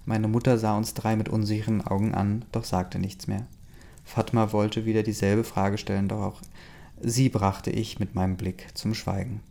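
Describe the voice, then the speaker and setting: A man reading a first-person story aloud in a steady, plain way. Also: lowish voice, normal speed, creaky. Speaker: audiobook reader.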